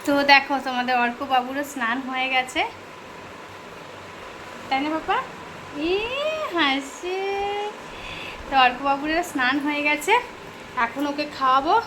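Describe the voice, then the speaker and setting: A woman's voice: high-pitched, measured pace, pauses often. A young woman narrating a casual home vlog, chatting straight to her viewers and cooing baby talk to her son. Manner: chatty, addresses viewers directly. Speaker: vlogger. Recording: noisy home ambience.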